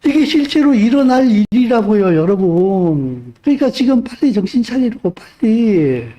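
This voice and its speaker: Man, pastor preaching, high voice, very lively pitch, emphatic, rhetorical questions. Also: moderate pace. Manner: emphatic, rhetorical questions, swings between loud urging and hushed speech. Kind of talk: sermon.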